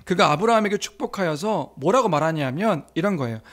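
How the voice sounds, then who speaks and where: High-voiced man preaching a sermon. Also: lively intonation, fairly quick, a bit bright. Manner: asks the congregation questions, acts out quoted blessings with rising force. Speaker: pastor.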